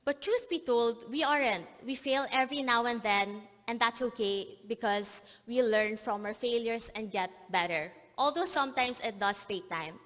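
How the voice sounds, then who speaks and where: A young woman born in Korea and raised in the Philippines giving an earnest, emotional commencement speech at a podium, sometimes pausing to collect herself. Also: fairly high pitch, fairly bright tone. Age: young adult. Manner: earnest, emotional, pausing and apologizing as she chokes up. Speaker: graduation speaker. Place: large convention plenary hall. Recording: long hall reverb.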